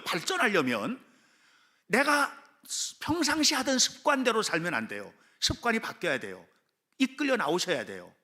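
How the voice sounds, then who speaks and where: Animated high-voiced male pastor preaching. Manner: animated preaching, addressing the congregation directly, rising to shouts. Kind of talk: sermon. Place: church sanctuary with a gathered congregation.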